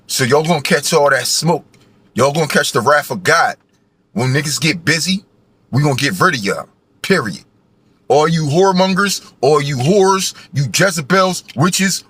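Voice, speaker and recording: A man's voice: fairly high pitch, a bit bright, breathy edge. A man in his forties ranting in a heated, profane, preachy monologue, often tacking on "right?". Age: 40s. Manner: heated, profane, preachy, repetitive tag questions. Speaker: vlogger. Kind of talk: angry monologue rant.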